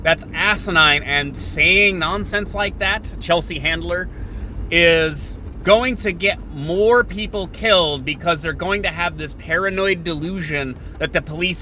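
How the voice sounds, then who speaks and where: Speaking in a high voice, a male podcast host works through his political opinions on the fly, with a sardonic edge and a rhythm of faltering pauses broken by bursts. The audio carries a faint hiss or hum.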